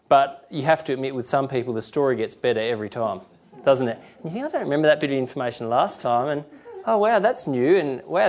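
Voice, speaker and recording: A man's voice: mid-range voice, darkish tone. A middle-aged man preaching a sermon in a rambling, conversational way, often restarting and acting out quotes.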